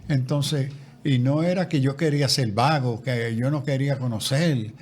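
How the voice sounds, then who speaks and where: Speaking at a moderate pace in a medium-pitched, darkish voice, a male guest theologian gives a reflective conversational interview, often restarting and repeating words.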